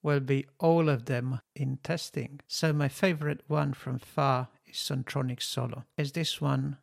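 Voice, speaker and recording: Speaking casually into a close dynamic studio microphone at his home studio desk, a podcast host runs microphone tests. His voice is gravelly, of medium pitch and steady tone, and he talks slowly and haltingly, with many fillers and non-native phrasing.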